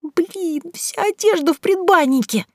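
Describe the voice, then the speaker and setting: A woman's voice: very high voice, unhurried, no echo, clean studio sound, pitched above the performer's own voice. A woman reading aloud while voicing a frantic young woman who squeals and shrieks in panic. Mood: panicked squeal.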